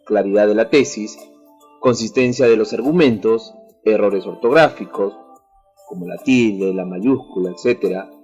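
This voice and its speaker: Man teaching a radio class, mellow voice. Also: medium pitch. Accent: Peruvian Spanish. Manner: clear, deliberate explaining, addressing students directly. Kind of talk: educational radio lesson. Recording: dull lo-fi radio broadcast.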